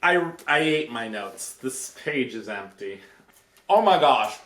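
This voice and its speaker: A man's voice: mid-range voice, animated, takes it slowly, fairly bright tone. A man giving a rambling, comedic film review to camera, sounding drunk and repeating himself. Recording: echoey room.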